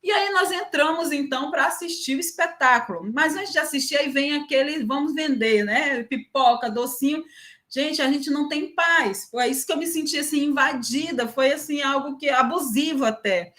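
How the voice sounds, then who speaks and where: A Brazilian woman with a high voice and a Brazilian Portuguese accent lectures at normal speed. As a university lecturer, she gives an academic talk with personal anecdotes, telling stories lively and tagging sentences with frequent "né".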